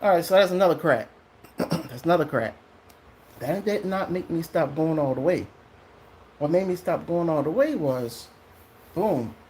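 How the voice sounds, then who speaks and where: A man tells a personal story straight to the camera in a loose, animated way. His voice jumps up high when he acts out other people, and he swears without holding back. A faint hiss of noise sits behind him. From Trinidadian family in the US. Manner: animated, profane, often acts out what people said. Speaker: vlogger telling a personal story. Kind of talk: casual storytelling monologue.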